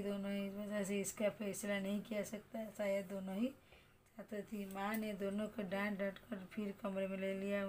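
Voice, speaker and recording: A woman teacher reading a story lesson aloud to children in a steady storytelling manner. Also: medium pitch, slight background noise.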